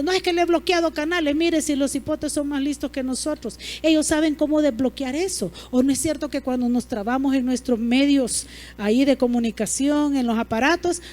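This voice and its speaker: A woman's voice: high-pitched, darkish tone. A woman pastor, preaching a sermon emphatically and asking the congregation rhetorical questions.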